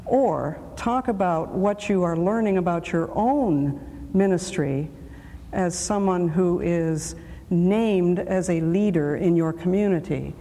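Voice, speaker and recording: A moderator poses long, carefully built questions to a panel, often pausing and restarting. The tone is mellow and mid-pitched. A long hall reverb trails the voice. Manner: slow, deliberate questions with many restarts.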